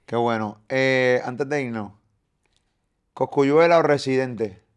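A man, hosting with crude, slangy banter and quick reactions. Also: mid-range voice, clean tone. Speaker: podcast host. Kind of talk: casual interview chat. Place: studio set with yellow chairs. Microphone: boom studio mic.

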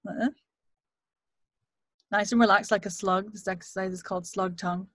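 Speaking at a moderate pace in a mid-range voice, this British woman coaches vocal exercises over a video call. She demonstrates lively from a home studio mic, and the recording is dry.

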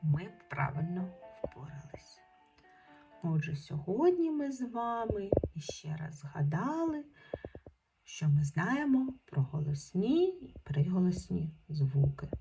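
A woman teacher speaks in a fairly low voice, pronouncing each sound of a word one at a time at an unhurried pace. Her pitch jumps up and down as she stresses words for young pupils. Some of her explaining drops to a soft half-whisper. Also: very animated, gravelly, soft background music. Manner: slowly sounds out single letters and sounds. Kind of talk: primary school language lesson.

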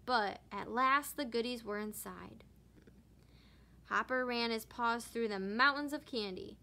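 A woman teacher reading a children's picture book aloud with expressive narration. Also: a little high, unhurried, creaky. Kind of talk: storybook read-aloud.

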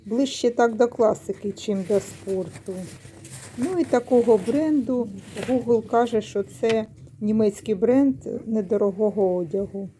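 Slow-talking woman reviewing secondhand clothes. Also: on the high side, mellow, a little hiss or hum. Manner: unhurried, explanatory, with fillers and self-corrections. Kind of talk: casual vlog commentary. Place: secondhand shop, indoors.

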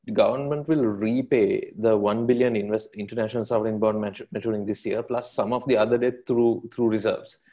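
A man with a Sri Lankan English accent moderating a video call panel, asking brisk questions. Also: lowish voice, fairly even intonation, dark tone. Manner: brisk questioning, short acknowledgments.

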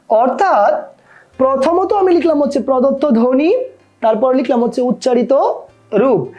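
A woman's voice: sits high, mellow, lo-fi sound. A woman with a Bangladeshi Bengali accent teaching a grammar lesson to students, repeating key terms and quizzing the listener with questions.

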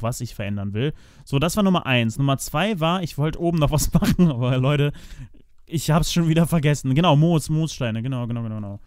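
A young let's play host chats casually while building in a block game, thinking aloud and addressing viewers as "meine Freunde." He often restarts sentences and uses fillers. His medium-pitched voice is a little mellow and smooth, recorded at studio quality with no room sound.

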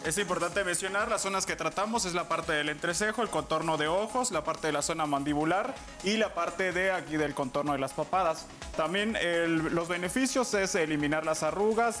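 A man's voice: fairly high pitch, a little fast, a bit bright, faint music behind. A man, a cosmetologist guest, plainly listing treatment areas, times and a discount. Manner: plain, informative, brief hesitations. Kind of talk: TV promo explanation. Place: TV studio set.

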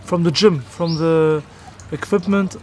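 A man in his thirties hosting a casual interview and gym review, talking in an energetic, emphatic way. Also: a little high, measured pace, slight background noise. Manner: energetic, emphatic, animated with hand gestures. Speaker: host. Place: open-air boxing gym, then outdoor garden.

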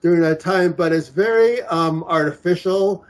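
Here the singles-event organizer, a man in his forties, has a high voice at a normal speed. He's on a casual video call from a small room, picked up by his laptop webcam, and keeps restarting and using fillers.

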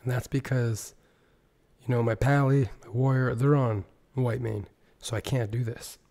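A man hosts casual gaming commentary with a sore throat. His voice is mid-pitched and very muted in tone, hoarse and strained, at times slipping into a whisper as if nearly gone. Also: steady tone, moderate pace, darkish tone. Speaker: gaming video host. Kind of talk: casual gaming news commentary over screen capture.

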